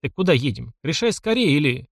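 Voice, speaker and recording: A man's voice: a little high, very animated, brisk, gravelly, no echo, clean studio sound, heavily acted. A man reading an audiobook and voicing a sly, chatty driver in his thirties who teases and questions. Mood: suspicious, teasing. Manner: chatty, teasing, probing.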